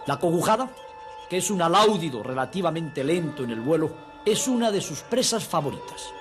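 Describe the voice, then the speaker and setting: A man's voice: fairly high pitch, big pitch swings, fairly quick, over music. A man narrating a nature documentary in an emphatic, didactic, scripted way, addressing viewers as friends.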